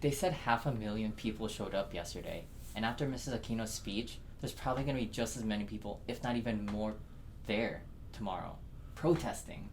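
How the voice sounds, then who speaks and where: A woman's voice: extremely low pitch, a little fast, a little hiss or hum. A young woman playing a determined, idealistic student protester in scripted drama dialogue. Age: young adult.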